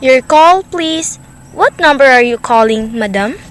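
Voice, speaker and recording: A woman's voice: high voice, expressive, a little slow. A woman playing a polite, formal, unhelpful switchboard clerk in a radio play, courteous and detached. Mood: brisk, impersonal. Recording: amateur recording with faint background noise.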